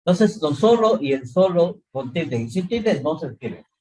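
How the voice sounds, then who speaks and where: A middle-aged man teaching a class over a video call, explaining slowly, repeating points and checking often that students follow. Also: fairly high pitch, big pitch swings, mellow, slightly rough, low-quality recording. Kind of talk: online class lecture.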